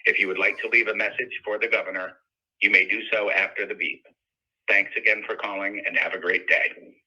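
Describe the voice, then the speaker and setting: A man's voice: on the low side, level tone, a little fast, bright, forceful tone, breathy edge. A man giving a formal, scripted recorded office greeting, heard over a landline phone. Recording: muffled phone-line audio.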